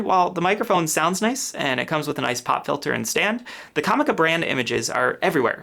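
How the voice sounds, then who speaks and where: A man's voice: fairly high pitch, creaky, pushed and bright. A man hosting a gear review, explaining features step by step in a methodical way, speaking close to a podcast microphone at his home office desk. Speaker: gear reviewer and channel host. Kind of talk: product review walkthrough. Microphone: podcast microphone a couple inches from mouth.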